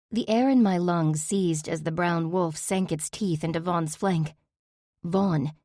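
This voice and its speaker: A woman narrating a first-person audiobook with a steady, measured reading, recorded on a close studio mic. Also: fairly low pitch, no room sound.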